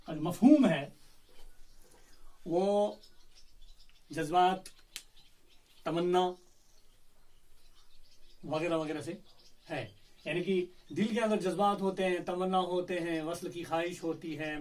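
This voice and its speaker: A man teaching Urdu, explaining a poem line by line, slow and careful, repeating words to show how they are said and often clearing his throat. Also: on the high side, a little mellow, far from the mic, rough recording.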